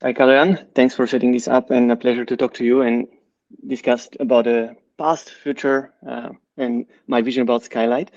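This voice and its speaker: Middle-aged man from Bulgaria, CEO, explanatory and measured, dry slightly dull recording. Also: mid-range voice, little pitch movement, a little mellow, no echo. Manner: measured, explanatory, with frequent fillers. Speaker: company CEO and co-founder. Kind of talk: interview answers.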